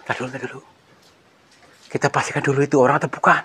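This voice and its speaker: A man on a cave exploration vlog, talking in a hushed, nervous way and muttering prayers. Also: mid-range voice, level tone, racing, a little hiss or hum.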